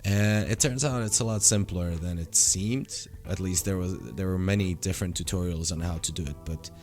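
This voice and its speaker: Low-voiced young man with a sore throat. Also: normal speed, a little mellow, soft background music. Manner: rambling, many fillers and restarts. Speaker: vlogger. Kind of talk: casual daily vlog update.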